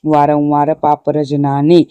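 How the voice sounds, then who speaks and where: A man reciting the lament of a personified month that pleads with a god, in slow, chanted devotional verse. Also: fairly high pitch, completely flat delivery, mellow, clean tone, no echo.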